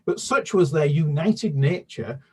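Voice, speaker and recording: A husky, higher-pitched man from the United Kingdom talks about the children's books he has written. At first he is halting, full of fillers and restarts; then he reads a chapter aloud in steady narration.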